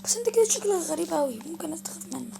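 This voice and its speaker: A woman's voice: very high voice, animated, racing, gravelly, noisy background, heavily acted. A woman playing a fond Egyptian mother. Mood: tender. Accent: Egyptian Arabic. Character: gentle, caring mother.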